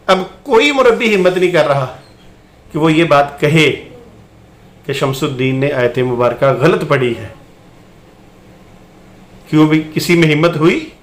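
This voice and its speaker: A man's voice: fairly high pitch, expressive, pauses often, roomy sound. A man hosting his own channel, insistently commenting on a debate clip and addressing viewers directly. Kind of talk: argumentative video commentary.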